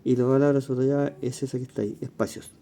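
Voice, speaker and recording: A man's voice: mid-range voice, steady tone, fast talker, mellow. A man walking colleagues through exam questions, explaining as he goes and correcting himself aloud. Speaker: language teacher. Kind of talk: exam walkthrough lesson.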